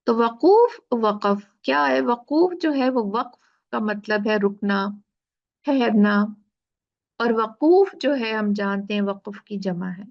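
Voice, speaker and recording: Woman w/ teaching recitation rules, slow and step by step, kinda gravelly, slightly higher voice, dull lo-fi sound. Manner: slow, explaining step by step with frequent "theek hai". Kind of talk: tajweed lesson.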